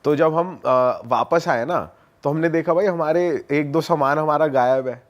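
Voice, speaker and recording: A man in a casual podcast chat who jumps in quickly with a joking story of his own. His voice sits a little higher than usual for a man. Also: dull audio.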